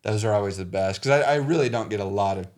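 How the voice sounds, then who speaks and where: A young man from Idaho, a podcast guest, chatting casually and haltingly with repeated words and fillers. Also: fairly low pitch, darkish tone. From Idaho, USA. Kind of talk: casual interview chat.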